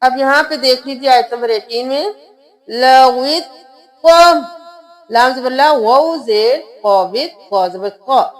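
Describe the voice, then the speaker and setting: High-voiced woman teaching Quran recitation. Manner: spells out letters and vowel marks, then recites slowly in a chanting melody. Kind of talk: tajweed lesson with recited verses.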